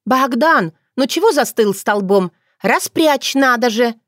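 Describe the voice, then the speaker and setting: A woman's voice: on the high side, expressive, measured pace, no echo, studio quality, voice pushed up. A woman voicing a bossy, spirited young witch. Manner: bright, bossy.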